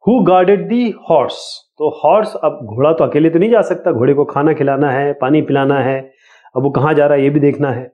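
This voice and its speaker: A man explaining an exam lesson to students in a casual, explanatory way, reading questions out slowly. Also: a little high. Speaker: teacher. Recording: tinny, phone-like sound.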